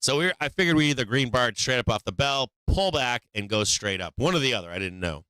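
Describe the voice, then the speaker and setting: A man with a thin, tinny voice light on bass, giving rambling, blunt, profanity-laced live trading commentary. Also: expressive, brisk, sharp tone, clean tone, no room sound. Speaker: stock trading livestream host.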